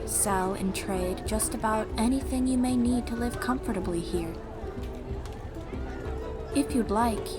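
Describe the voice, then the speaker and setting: In an audio roleplay, a woman plays an elven ice sorceress who guides the listener in a gracious, formal and gently proud manner, speaking unhurriedly. Her voice is mid-range and natural, with music in the background.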